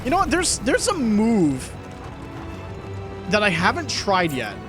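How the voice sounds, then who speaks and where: A man's voice: high-pitched, huge pitch swings, slow pace. Chatty, self-mocking male game streamer. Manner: chatty, self-deprecating, trips over words. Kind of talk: casual gameplay commentary. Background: game music.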